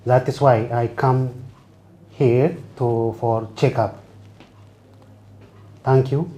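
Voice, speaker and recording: A man from Ethiopia giving a patient testimonial to camera, speaking in short, simple phrases with frequent pauses. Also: mid-range voice, fairly even intonation, dark tone, muffled recording.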